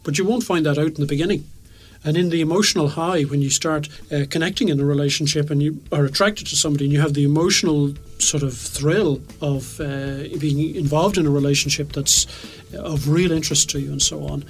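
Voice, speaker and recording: A man's voice: a little high, steady tone, fairly quick. A middle-aged man discussing relationships on radio, thoughtful and a bit hesitant. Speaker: radio show co-presenter. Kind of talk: conversational discussion.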